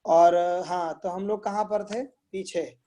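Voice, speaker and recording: A man's voice: high-pitched, fairly even intonation, slow, warm tone. A man teaching Sanskrit pronunciation in an online class, patiently repeating sounds and checking that his students follow.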